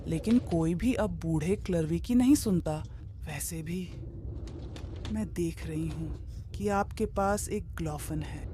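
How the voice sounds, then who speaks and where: Brief: woman playing a calm old woman helper in a game, mellow, faint game sound. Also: on the low side, a little hiss or hum. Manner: calm, gently instructive. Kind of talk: game dub.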